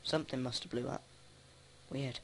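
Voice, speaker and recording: Flat-voiced man narrating gameplay. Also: mid-range voice, creaky, a little hiss or hum. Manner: flat, halting, thinks aloud with many restarts. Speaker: let's play host. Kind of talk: casual gameplay commentary.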